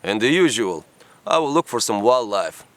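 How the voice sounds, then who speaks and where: A man's voice: lowish voice, sing-song, moderate pace. A man narrating a travel vlog in a chatty way, with slightly non-native phrasing. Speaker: travel vlogger. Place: outdoors in the rainforest.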